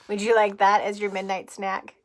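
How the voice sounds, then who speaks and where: A woman teaching kindergarten reads aloud from a rhyming picture book in a mid-range voice with a level tone. Her reading is slow and sing-song, with pauses for gentle questions to the children.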